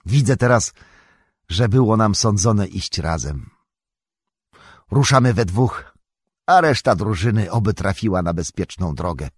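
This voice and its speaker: A man voicing a gentle, resolute young male hobbit in an audiobook, calm and earnest. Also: fairly low pitch, a little slow, pauses often, husky, dry recording, studio quality. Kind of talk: audiobook character voice.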